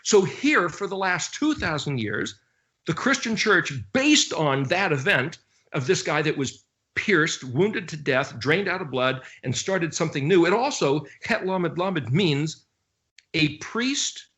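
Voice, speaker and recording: A man giving an informal Bible study talk. He speaks in an animated way, with sarcastic asides, and slowly spells out Hebrew letters. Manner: animated, with sarcastic asides and sudden jumps in pitch. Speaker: Bible teacher.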